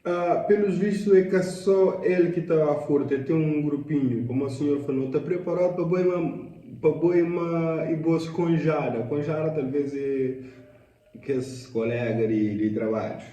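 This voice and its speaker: A man's voice: on the high side, steady tone, a little slow, mellow, roomy sound, recorded from a distance. A man giving casual, opinionated commentary on a video clip, talking loosely in slang and dropping in English phrases.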